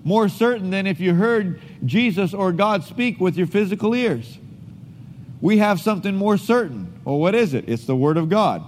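A man's voice: sits high, slight background noise. A man preaching a sermon as pastor, leading the congregation in reading scripture aloud together and in call-and-response. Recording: long hall reverb.

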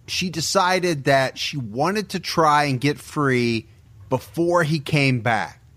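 A man narrates a true-crime script slowly and gravely, his voice sitting a bit higher than most men's. He tells the story in a measured, deliberate way, like a podcast co-host reading prepared copy. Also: fairly bright tone.

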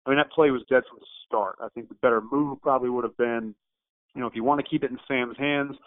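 A man's voice: mid-range voice, fairly even intonation, quick pace. A man calling in over a muffled phone line, a former offensive lineman analysing a football play call step by step, with frequent fillers. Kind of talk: sports analysis chat.

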